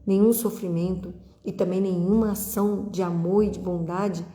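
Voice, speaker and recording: Woman preaching a retreat talk, earnest, kinda slow on the big lines, warm low tone, lots of echo. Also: steady tone. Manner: earnest, exhorting, slows down for solemn phrases. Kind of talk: devotional reflection and spiritual reading. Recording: echoey room with long reverb.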